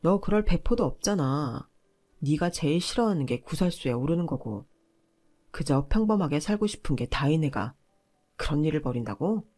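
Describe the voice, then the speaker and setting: A woman's voice: low voice, animated, moderate pace, dark tone. A woman voicing an arrogant young husband who lectures his wife with contempt. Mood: mocking.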